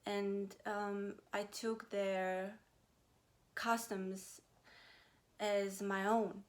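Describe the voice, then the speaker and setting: A woman in her thirties, originally from Romania, talking to her viewers in a casual personal vlog, pausing often with fillers. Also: medium pitch, gravelly. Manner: hesitant, many pauses and fillers. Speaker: vlogger. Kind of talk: casual personal talk to camera.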